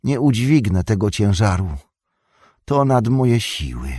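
A man's voice: lowish voice, sing-song, a little slow, darkish tone, breathy edge, dry recording, studio quality, pitched above the performer's own voice, exaggerated voice. A man voicing a weary, burdened young male hobbit who speaks with anguish and sorrow. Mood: despairing.

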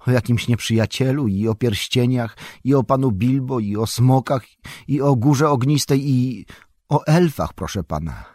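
Man voicing an anxious, earnest young hobbit gardener, higher voice, breathy edge, dry close sound. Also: animated, moderate pace, a little mellow, dry recording, natural voice. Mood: eager.

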